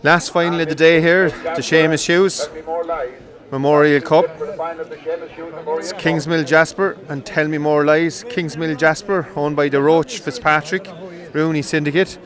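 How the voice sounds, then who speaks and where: A man giving live commentary on greyhound coursing from an outdoor field, brisk and rising with excitement during the runs. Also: on the high side, a crowd in the background. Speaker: race commentator.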